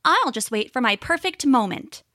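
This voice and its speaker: A woman puts on a sly, scheming little bat, higher than her own telling voice, sneaky and eager. She speaks up close and dry with no room around her, like a crafty storybook creature plotting in a cave. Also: very animated, normal speed, sharp tone, dry recording, full character voice. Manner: eager, sneaky, feigned breathlessness. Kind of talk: storybook character voice.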